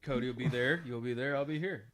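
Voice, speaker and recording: A man's voice: mid-range voice, fast, a crowd in the background. A sleepy young man co-hosting a casual chat, cracking jokes and yawning. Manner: wisecracking, laughing. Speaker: co-host.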